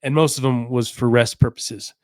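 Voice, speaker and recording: Dude rambling about hoops on his podcast, mid pitch, dead dry mic, lots of ums. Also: steady tone, moderate pace, no echo. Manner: rambling, filler-heavy, frequent restarts. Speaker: sports podcast host. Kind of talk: casual solo sports talk.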